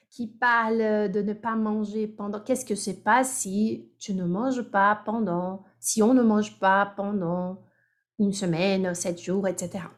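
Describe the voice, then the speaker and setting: Slow, rhythmic woman teaching French. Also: medium pitch. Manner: repeats phrases slowly and rhythmically for students to copy. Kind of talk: online class drills. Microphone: video call.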